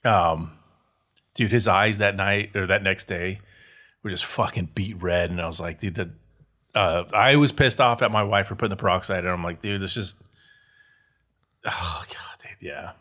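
Laid-back man with a lowish voice. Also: normal speed, pushed and bright. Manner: swears freely, says "dude" a lot, laughs often. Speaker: podcast co-host. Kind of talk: casual chat.

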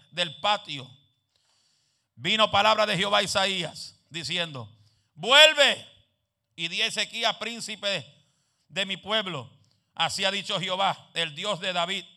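A man preaching a sermon in a church, moving between quiet, joking asides and shouted calls for amen. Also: sits high, creaky.

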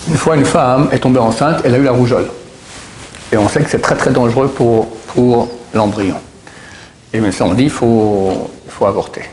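Middle-aged guy telling miracle stories, keeps restarting words, average pitch. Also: darkish tone, a little hiss or hum. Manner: halting, repeats and restarts words. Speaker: storyteller. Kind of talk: casual retelling of religious miracle stories.

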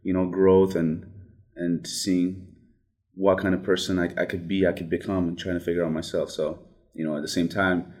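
A young man from Ethiopia, first language Amharic, with a very low, deep voice. He talks haltingly, with frequent restarts and fillers. It is a relaxed interview conversation. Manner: hesitant, many restarts and fillers. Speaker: guest.

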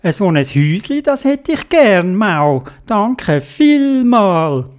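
A woman voicing a sleepy, complaining female cat with a high meowing voice and a Swiss German accent. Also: sing-song, slow, a little mellow. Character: sleepy, grumpy then grateful female cat.

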